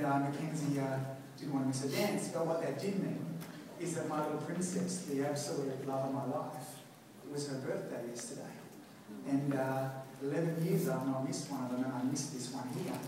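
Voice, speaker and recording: A man's voice: fairly high pitch, noisy background. An Australian man in his forties giving a humble, self-deprecating conference talk. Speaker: chiropractor speaker. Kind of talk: conference speech. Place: large conference hall. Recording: echoey hall from a distance.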